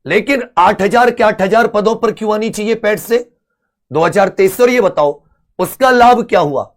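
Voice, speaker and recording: High-voiced earnest coaching teacher, man. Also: moderate pace. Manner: earnest, persuasive, addresses students as friends. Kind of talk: animated exam-prep video lesson.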